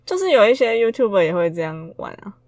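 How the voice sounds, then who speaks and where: A woman speaks in a middle voice, recorded dry with no room around her. She teases her co-host and argues her side back in a quick, casual chat. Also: mid-range voice, sing-song, darkish tone, dry recording. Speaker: podcast co-host.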